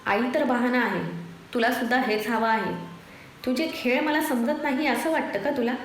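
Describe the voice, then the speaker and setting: A woman's voice: a little high, fairly even intonation, normal speed, close to an everyday voice. A woman voicing a scornful young husband with a cutting, contemptuous manner, reading a story. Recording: echoey room with faint noise.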